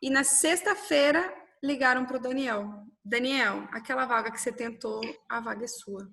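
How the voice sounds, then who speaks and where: Animated woman telling her life story. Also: a little high, moderate pace. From Brazil. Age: 30s. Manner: animated, quotes dialogue, frequent "né?". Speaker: interviewee. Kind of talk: personal storytelling interview.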